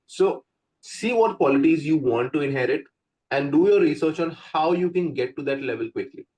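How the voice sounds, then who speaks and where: The recording is low-quality, but this young man's voice comes through fairly high-pitched, darkish in tone and expressive at a normal speed. He's an English coach from India, a Hindi native speaker with an Indian accent, chatting casually in an interview and constantly saying "like" and "right?".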